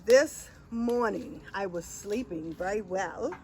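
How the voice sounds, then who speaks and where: A woman hosting a casual chat with friends, animated and laughing often, with playful drawn-out asides. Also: medium pitch, rough recording. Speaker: host.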